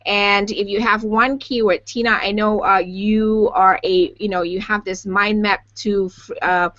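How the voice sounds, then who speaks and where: A woman's voice: medium pitch, steady tone, measured pace, fairly bright tone, dry recording. A woman hosting a casual live web show, chatting and reading viewer questions aloud over a video call. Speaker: host. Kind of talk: casual live-stream chat. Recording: dull lo-fi web stream audio.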